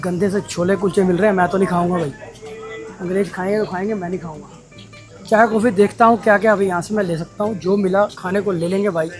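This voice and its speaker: A man vlogging a mountain toy train ride, talking casually and excitedly to his viewers. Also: high-pitched, quick pace, soft background music. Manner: chatty, excited, addresses viewers as brothers. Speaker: travel vlogger. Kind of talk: casual travel vlog narration. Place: aboard a mountain toy train and on station platforms.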